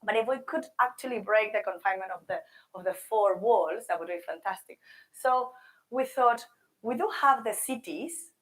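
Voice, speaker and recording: A woman's voice: medium pitch, normal speed, low-quality recording. Woman giving a seminar talk, sore swollen throat voice, keen and chatty with the audience. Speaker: language teacher and presenter. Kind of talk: seminar presentation of a virtual project.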